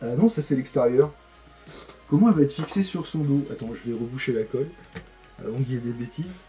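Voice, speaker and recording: Mellow-voiced man rambling while building. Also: mid-range voice, fast talker, faint music behind. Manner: rambling, many fillers and repeats. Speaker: host. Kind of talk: casual chat while assembling models.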